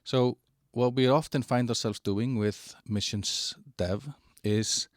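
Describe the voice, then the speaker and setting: A man giving a halting walkthrough of an online platform, with many fillers and restarts. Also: mid-range voice, steady tone, no echo, clean studio sound. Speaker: presenter of a digital platform. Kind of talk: screen-share product walkthrough.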